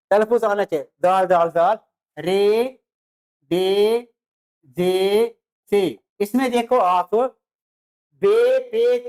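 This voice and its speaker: A teacher giving a beginner lecture on the alphabet, naming letters slowly one by one, repeating them and speaking straight to the students. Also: mid-range voice, darkish tone. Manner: addresses students directly with "dear students". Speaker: Urdu teacher.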